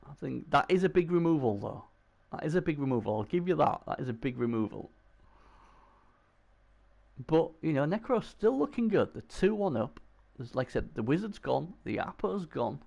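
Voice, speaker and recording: A man giving casual, excitable commentary on a video game match, often repeating himself. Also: on the high side, normal speed, vocal fry, highs cut off.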